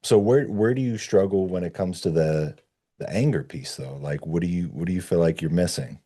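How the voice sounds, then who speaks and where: A discussion leader with a very low, mellow, dark-toned voice gives advice in a casual conversation. He sounds relaxed yet brisk, coaching the other person in plain, informal terms.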